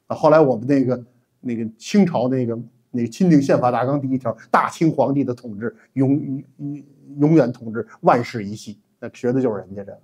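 A middle-aged man giving an animated, emphatic history lecture as a teacher, with frequent 'ah' fillers. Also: mid-range voice, brisk, husky. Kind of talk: classroom-style history lecture.

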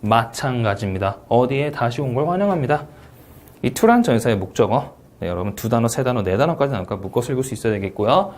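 A man's voice: medium pitch, fast. A man lecturing on an English speaking exam, with a Korean accent, asking questions and answering them himself. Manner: animated, asks and answers his own questions. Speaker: TOEIC Speaking instructor. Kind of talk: recorded exam review lecture.

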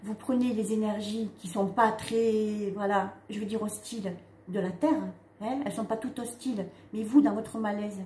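A woman giving a casual spiritual card reading, talking straight to her viewers in a halting way with frequent "hein" and "d'accord" tags. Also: mid-range voice, fairly even intonation, dark tone. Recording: echoey room with faint ambient noise.

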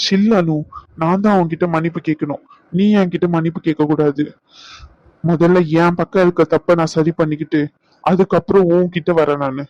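Gentle, remorseful cartoon husband, voiced by a man; fairly high, muffled dry recording. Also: steady tone, moderate pace, dry recording, close to an everyday voice. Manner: soft, reassuring.

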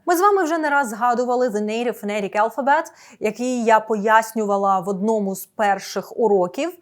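A woman teaching an English lesson in a scripted video, speaking clearly and slowing down for each English example. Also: fairly high pitch.

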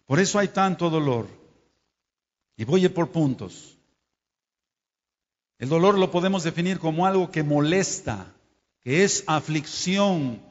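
A man preaching a Torah study sermon, scolding and speaking straight to his listeners, and stopping to spell out and explain Hebrew terms. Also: on the high side. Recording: dull lo-fi sound in a reverberant hall.

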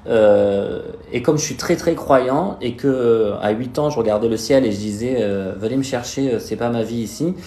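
Holding his phone at arm's length in a small indoor room, the young live-stream host reads viewers' questions aloud and chats casually, his s sounds slurred by a slushy lisp. He speaks at medium pitch and normal speed with few pauses and a warm tone, and the room sound echoes.

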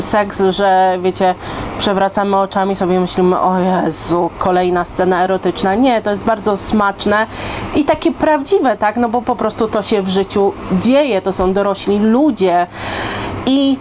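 A woman's voice: medium pitch, unhurried, a little mellow, a little hiss or hum. A woman in her thirties giving a casual, chatty book review to camera in a living room, often checking in with her listeners. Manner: conversational, addresses listeners with frequent rhetorical check-in questions. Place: indoors, living room on a sofa.

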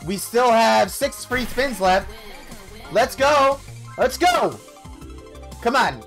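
A man's voice: very high-pitched, animated, takes it slowly, fairly bright tone, faint music behind. A young man giving casual live commentary on slot play, talking in short remarks. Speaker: slot streamer. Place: indoor streaming setup.

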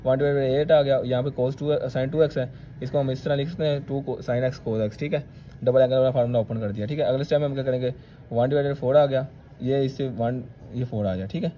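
A man's voice: mid-range voice, fairly even intonation, a little fast, mellow, a little hiss or hum. A male maths teacher, talking students through each step of a solution and checking in with "theek hai".

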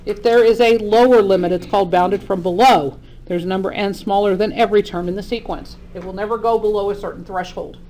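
A woman's voice: mid-range voice, fairly even intonation, fairly quick, mellow, a little hiss or hum. A woman math teacher giving a classroom lecture, explaining step by step and often checking in with the class.

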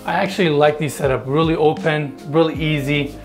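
His voice sits a little high and his intonation stays fairly even as he talks a bit fast, faint music underneath. The speaker is a man in his thirties casually touring a large basement, chatting eagerly to viewers via a lapel mic.

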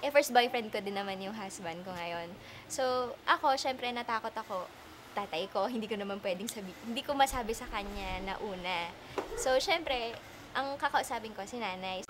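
Woman interviewee, casual chatty storytelling, slightly high voice, noisy ambient recording. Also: moderate pace. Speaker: interviewee, daughter recalling her mother.

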